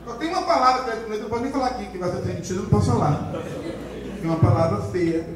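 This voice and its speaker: A high-voiced Brazilian man leads a lively writing lecture, drilling his class with repeated phrases and call-and-response. He sounds far from the mic in a very echoey classroom with a faint hiss underneath. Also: racing. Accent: Brazilian Portuguese. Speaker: writing teacher.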